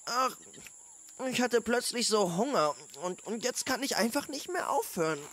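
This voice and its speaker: Lino, a greedy little dinosaur boy who can't stop eating, as a woman reading a storybook puts him on. His voice swings up and down with lively emotion, whiny and eager. A faint outdoor hiss runs underneath. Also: a little high, moderate pace, voice pushed up. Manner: whiny and eager, talks with mouth full.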